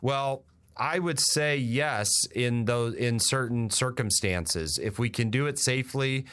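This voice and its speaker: An American man with a mid-range, fairly bright voice hosts a radio show and also works as a real estate agent. He explains industry updates conversationally, repeating points for emphasis.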